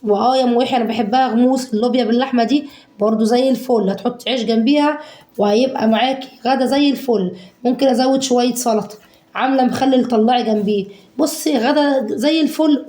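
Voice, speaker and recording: A woman with an Egyptian accent, hoarse from a cold, chatting fondly to her viewers about a budget week of home cooking. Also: on the high side, fast talker, roomy sound. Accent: Egyptian Arabic. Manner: warm endearments to viewers, acts out their questions.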